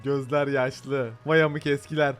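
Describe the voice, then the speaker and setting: A young man streaming live gameplay, talking loudly and excitably with crude jokes. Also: mid-range voice, a little slow, faint music behind. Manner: loud, excitable, crude joking.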